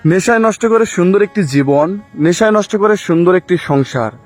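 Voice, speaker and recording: A man's voice: high voice, expressive, fairly quick, soft background music. A man reading a solemn, moralizing closing message as the narrator. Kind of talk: scripted narration.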